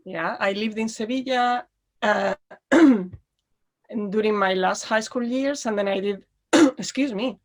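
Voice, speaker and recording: A woman from Spain, a guest on a video-call chat, relaxed and quick to laugh, with a slight cough. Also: medium pitch. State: slight cough, clearing throat. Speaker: guest, knitwear designer.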